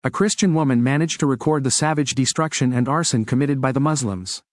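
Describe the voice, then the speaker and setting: A man giving a steady, measured scripted narration of a news report. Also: medium pitch, dry recording, studio quality.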